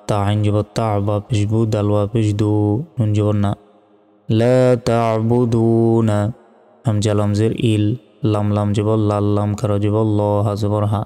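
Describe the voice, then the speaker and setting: A man with a Bangladeshi Bengali accent teaching Quran reading, spelling out each letter slowly and methodically. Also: on the low side, warm tone, clear, resonant tone. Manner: slow, methodical letter-by-letter spelling with drawn-out recitation. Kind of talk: spelling-out recitation lesson. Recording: long reverb with faint music.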